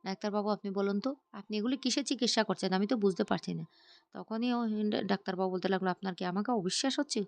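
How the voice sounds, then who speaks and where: In a quick narrative recap of a TV serial, one woman performs all the characters' lines herself. She has a mid-range voice, and the recording is dry.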